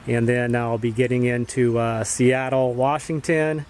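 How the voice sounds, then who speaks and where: A man's voice: mid-range voice, level tone, measured pace, darkish tone. A man talking casually to camera as a travel vlogger, giving updates on his trip. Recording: faint background noise on location.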